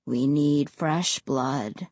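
A slow, flat, low undead boy, as a woman puts him on for a storybook. His words come heavy and quiet, with a breathy edge, and the sound is close and dry. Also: no room sound, heavily acted. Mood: grim, flat.

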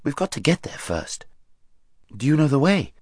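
An eager, plucky young boy from a storybook, as a man puts him on, pitched up above a low voice and bouncing with feeling. He sounds blunt and keen, close to the mic in a dry space. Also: very animated, moderate pace, no echo.

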